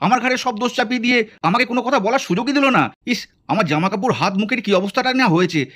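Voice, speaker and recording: A man's voice: extremely high pitch, very fast, fairly bright tone. A man voicing a flustered young stranger in a puppet cartoon, protesting indignantly.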